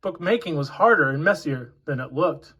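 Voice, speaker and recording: A man reading a children's picture book aloud in a deliberate storytelling way. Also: a little high, animated, sharp tone, slightly rough.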